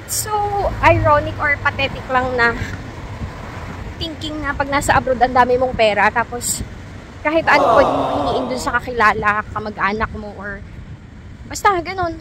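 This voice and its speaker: A woman's voice: sits high, normal speed, heavy background noise. A young Filipina woman vlogging in a chatty, storytelling way, laughing often as she talks to her viewers. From Philippines. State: sick, low and tired. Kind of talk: casual chat to viewers. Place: outdoors in cold weather.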